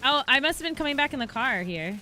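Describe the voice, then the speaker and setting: A woman's voice: sits high, expressive, fast talker, bright, forceful tone, a little hiss or hum. A woman livestreaming while gaming, chatting casually and thanking viewers in a bubbly way. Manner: bubbly, reads out chat and thanks subscribers.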